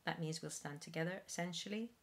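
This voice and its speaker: Middle-aged woman, singing teacher, lowish voice, careful and slow over a webcam. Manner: slow careful enunciation with spoken explanations. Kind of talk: pronunciation lesson read from sheets. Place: small room at home, indoors.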